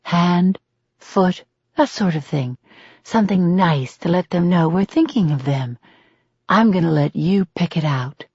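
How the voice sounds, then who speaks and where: Female reader doing a seductive lady killer for an audiobook, low soft menacing purr, unhurried, slightly muffled recording. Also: animated, husky, no room sound, full character voice. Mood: sweetly taunting. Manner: soft purring menace, hushed and whispery.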